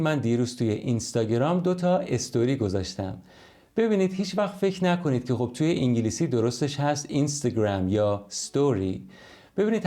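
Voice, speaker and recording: A man from Iran leads an English lesson with a mellow, darker voice. He talks in a friendly, conversational way and explains points through everyday examples. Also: mid-range voice. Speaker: English teacher.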